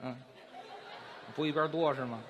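Guy feeding lines in crosstalk comedy, lots of quick comebacks, slightly high voice, some background noise on the recording. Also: steady tone, a faint crowd. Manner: feeding lines with short interjections and retorts. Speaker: supporting comedian.

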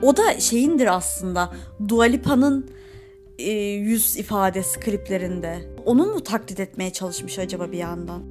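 A woman's voice: mid-range voice, measured pace, darkish tone, soft background music. A young woman hosting a podcast, giving chatty, opinionated pop-culture commentary and laughing often. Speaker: podcast host.

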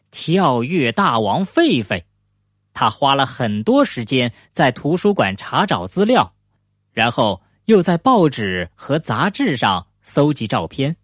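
A man reading a children's story aloud as a storytelling father, slow and expressive. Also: mid-range voice, no echo, studio quality.

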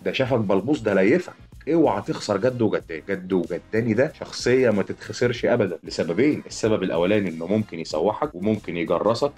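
A young Egyptian man with an Egyptian accent hosting a podcast, telling jokes in an animated, storytelling way. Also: fairly low pitch, husky. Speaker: podcast host. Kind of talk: comic podcast monologue.

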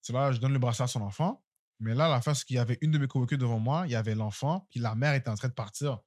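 Loud, slangy young man telling a story. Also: mid-range voice, very fast, no echo, studio quality. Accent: Quebec French. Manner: animated storyteller, slangy, mixes English in; loud-spoken. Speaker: podcast co-host. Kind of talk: casual chat.

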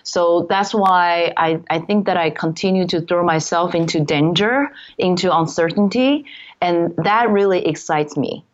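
Woman guest from Taiwan, second-language English, earnest and reflective, lowish voice, muffled lo-fi audio. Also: a little slow. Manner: earnest, reflective, non-native phrasing. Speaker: guest, entrepreneur. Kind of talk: interview answers. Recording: dull lo-fi audio.

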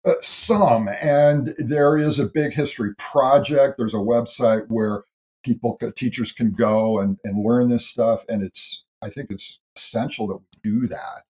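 Speaking unhurriedly, a man with a medium-pitched, slightly mellow voice and fairly even intonation appears as an interview guest. He discusses history and ancestry, explaining big ideas earnestly and thoughtfully, with occasional small restarts.

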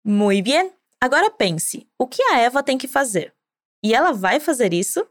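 A woman hosting a scripted language lesson, explaining clearly and encouraging the listener to repeat after her. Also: on the high side, sing-song, moderate pace. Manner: clear, encouraging, drilling repetition. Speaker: language teacher host.

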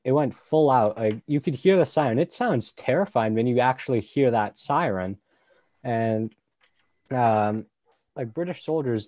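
A man's voice: mid-range voice, dark tone, no room sound. A young man talking casually in a group discussion, using lots of "like" and fillers. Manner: casual, filler-heavy, says "like" often.

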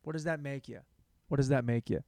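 A young man hosting a solo comedy podcast, rambling in a sarcastic, self-mocking way, jumping between loud bursts and mumbled asides. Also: mid-range voice, a little fast, no echo, studio quality. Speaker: podcast host.

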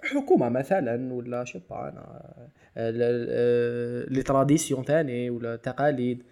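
A man co-hosting a casual discussion podcast, thinking aloud with drawn-out "aah" fillers and switching into English and French. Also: mid-range voice, mellow. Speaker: podcast co-host.

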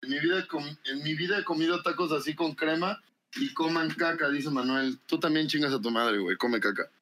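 A man with a Mexican Spanish accent trades podcast banter, pausing often as he searches for words. His voice sits a little high and has a bright, sharp edge. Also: slight background noise. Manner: hesitant, trails off searching for words. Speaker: podcast co-host. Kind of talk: casual chat.

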